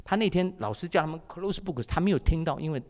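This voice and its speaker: A man preaching a sermon as pastor, telling stories with acted dialogue in a lively way. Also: a little high, fast, big-room sound. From Taiwan.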